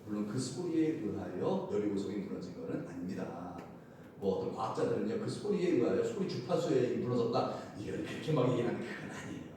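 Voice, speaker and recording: A man preaching a sermon as pastor, lively and playful, often laughing and calling out to the congregation. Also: fairly quick. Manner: animated, shouts acted crowd cries, laughs often. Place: church sanctuary. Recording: loud echo, from far off, faint rumble.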